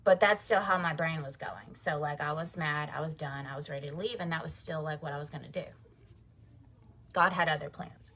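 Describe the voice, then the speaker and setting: A woman's voice: low voice, brisk, a bit bright, slight background noise. A woman vlogger telling her viewers a personal faith story, chatty and emphatic, speaking straight to them. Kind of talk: casual faith testimony storytelling.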